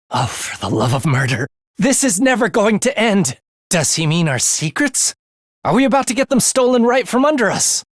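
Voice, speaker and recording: A man with a fairly high-pitched voice, recorded dry at studio quality, voices a morbid, bloodthirsty young male student scientist in an English video game. He speaks theatrically, relishing the macabre with sinister delight, and sounds exasperated.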